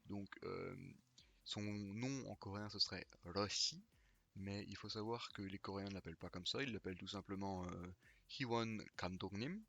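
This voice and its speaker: A man hosting a pronunciation video, slowly repeating each name with care in a scripted teaching monologue. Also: low-pitched, creaky, a bit bright, dry recording. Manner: slow, careful repetition of names.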